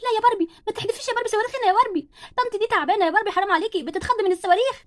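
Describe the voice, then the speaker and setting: A woman's voice: extremely high pitch, rapid-fire. A woman voicing a preachy, tattling sister doll in an Egyptian accent. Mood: pleading. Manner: preachy, warning.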